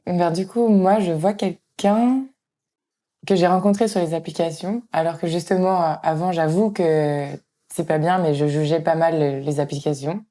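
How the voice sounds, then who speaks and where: A Swiss woman in her twenties, chatting casually and reflectively, often hesitating and trailing off softly. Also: fairly low pitch, steady tone, moderate pace. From Switzerland. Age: 20s. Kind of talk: casual conversation.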